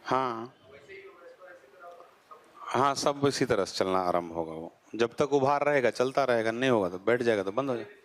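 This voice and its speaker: The male teacher's geography lecture has lively intonation, a moderate pace, and long pauses. Rhetorical questions to the class are followed by his own answers, with his pitch sinking as he finishes each point.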